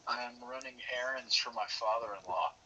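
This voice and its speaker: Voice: medium pitch, a little fast, bright, forceful tone, dull audio, a little hiss or hum. A friend on a game stream, chatting casually and joking around. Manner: playful, joking, gamer banter. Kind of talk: casual gaming stream chat.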